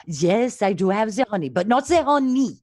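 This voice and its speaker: A woman's voice: medium pitch, sing-song, moderate pace, darkish tone, no room sound, clean studio sound. A woman playing a contented bear getaway driver, whimsically narrating in a tabletop game.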